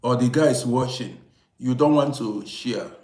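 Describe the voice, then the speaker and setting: Speaking a little slowly in a mellow, mid-range voice, this livestream host and storyteller from Vienna, Austria, is fifty-eight. He talks to his viewers informally but emphatically, hammering his phrases through repetition, and the room sound is echoey.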